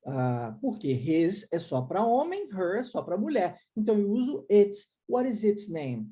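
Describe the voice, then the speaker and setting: A woman's voice: medium pitch, big pitch swings, measured pace, warm tone. A Brazilian woman with a Brazilian Portuguese accent, teaching an English lesson and checking in often with the viewer. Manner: explanatory, checks in with "tá?" and "né?".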